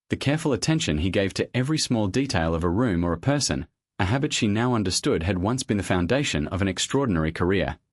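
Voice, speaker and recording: A man reading a scripted story aloud in a measured, even storytelling manner. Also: on the low side, no echo, studio quality. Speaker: narrator.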